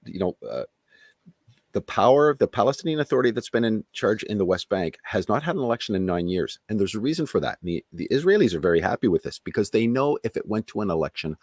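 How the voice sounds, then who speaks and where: Low-voiced frank man, dry sound. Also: lively intonation, fast, a little mellow, dry recording. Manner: frank, chuckles while making points. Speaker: retired military officer guest. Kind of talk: podcast discussion.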